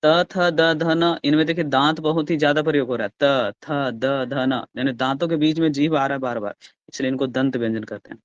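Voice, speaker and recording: Hindi grammar teacher sounding out letters. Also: male voice, mid-range voice, no echo, highs cut off. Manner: explains step by step, asks the class questions and answers them himself; sounds out letters slowly and loudly. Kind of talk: online class lecture.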